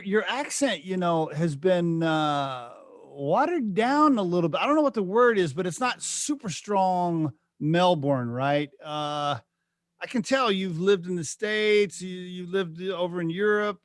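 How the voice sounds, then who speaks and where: A man in his fifties hosts a casual podcast interview, chatty and jokey, firing off several questions in a row. His voice is high-pitched and animated at a measured pace, with no echo.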